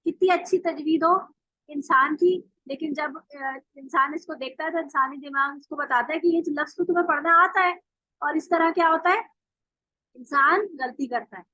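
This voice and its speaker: A woman teaching Quran recitation in an online class, patiently explaining and slowly modeling each sound. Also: high voice, sharp tone, no echo. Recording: dull dry call audio.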